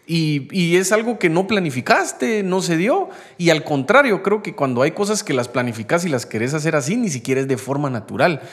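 Young man, lively faith-based podcast talk. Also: a little high, fairly quick, few pauses. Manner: animated, acts out quoted voices.

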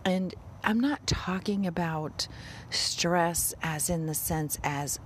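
A woman's voice: on the low side, takes it slowly, a little hiss or hum. A woman hosting a motivational podcast, speaking directly and conversationally to her listeners. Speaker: podcast host.

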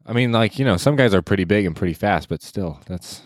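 Man, lowish voice, self-mocking chat, laughs a lot, dry sound. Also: animated, fairly quick, no room sound. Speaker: podcast co-host and story author. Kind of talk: casual chat.

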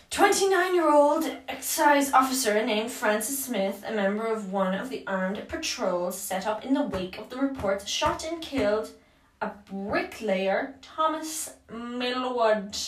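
A young woman hosting a casual podcast, rambling and joking through her notes with frequent swearing. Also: on the high side. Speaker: podcast host. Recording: echoey room, mic at a distance.

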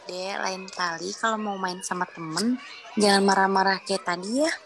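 A woman voicing a calm, kindly mother who soothes her daughter, in a children's cartoon drama. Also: medium pitch, moderate pace, a faint crowd, a little hiss or hum, lightly acted. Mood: soothing.

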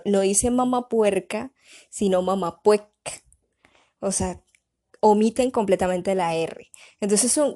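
A young woman with a Colombian Caribbean coastal accent, chatting casually and explaining things in a lively, colloquial way. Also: medium pitch. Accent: Colombian Caribbean (costeño). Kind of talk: casual chat.

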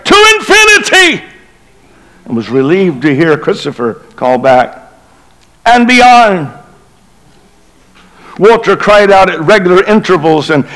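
A middle-aged man preaches as a bishop at a Christmas Eve service, telling a story with drama. His voice sits somewhat high for a man. At the tense moments he drops to a hushed, low delivery. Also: low-quality recording.

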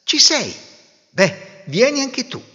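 A man doing a brisk proud rooster. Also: very high-pitched, big pitch swings, bright, forceful tone, voice pushed up, full character voice. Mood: cheerful. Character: proud, bustling male rooster leading the group. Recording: echoey hall, dull lo-fi sound.

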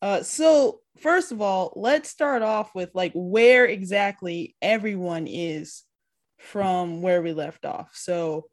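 A woman's voice: medium pitch, slow pace. A woman co-hosting a podcast, recapping a tabletop game episode in casual chat and laughing often. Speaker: podcast co-host. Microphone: podcast mic.

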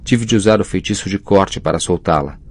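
A man voicing a caring teenage girl who speaks gently and with concern. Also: sits low, a little fast. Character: anxious caring young witch, teenage girl friend.

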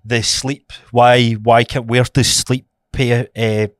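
A man's voice: medium pitch, little pitch movement, slow, dry recording, clean studio sound. A Scottish man co-hosting a fitness podcast as a coach, chatting casually in an informal, sweary, motivational way.

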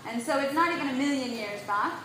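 A woman with a high, bright voice lectures fast on nutrition to a live audience, emphatic and animated, constantly checking in with listeners. The very echoey room makes the sound bounce heavily, and a faint hiss runs underneath.

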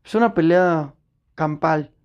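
A young woman from Puebla, Mexico, chats casually on a podcast, telling an animated, slangy story and acting out what others said. Her voice is low-pitched and slow, and the audio sounds dull.

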